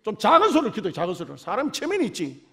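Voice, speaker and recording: Male pastor, revival sermon, high voice, lively swings from shouting to hushed tones, slight cold. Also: very fast. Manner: animated storyteller, acts out voices, swings from shouts to near whispers. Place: church.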